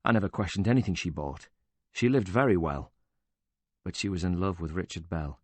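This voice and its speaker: A man's voice: low-pitched, animated, brisk, a little mellow, no echo. A man reading as a bitter, swearing older widower. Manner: indignant, swearing, sarcastic. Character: bitter older widower, quick-tempered and defensive.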